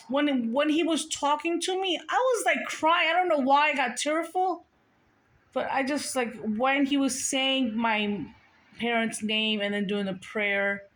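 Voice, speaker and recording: A woman vlogger telling her viewers a personal story in a casual, earnest and rambling way, often restarting her sentences. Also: a little high.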